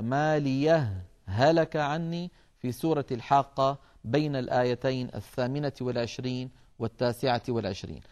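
A man teaching the rules of Quran recitation in a recorded lesson, explaining step by step, addressing listeners as brothers and filling pauses with a drawn-out "aah". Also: mid-range voice, darkish tone.

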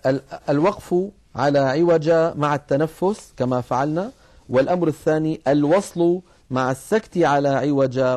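A man giving a broadcast lesson on Quranic recitation rules, explaining calmly and slowing down to demonstrate passages. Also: fairly high pitch.

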